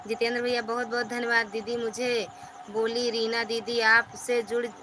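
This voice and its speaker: A woman's voice: on the high side, little pitch movement, moderate pace, background noise. A woman, hosting a live stream and chattily reading out and thanking viewers' comments by name.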